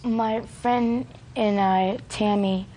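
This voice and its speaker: A woman's voice: mid-range voice, fairly even intonation, extremely slow, mellow, a little hiss or hum. A young American woman recounting events hesitantly as a witness in a TV court.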